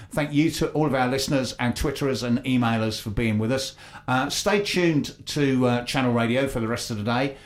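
A man with an English accent hosting a radio show, reading out announcements in a chatty, hesitant way. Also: mid-range voice. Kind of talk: live local radio presenting, reading announcements.

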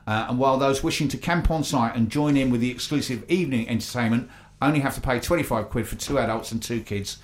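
An English man presents a local radio show at a middling pitch. He reads out announcements in a chatty style, hesitating often with ums and ahs. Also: quick pace.

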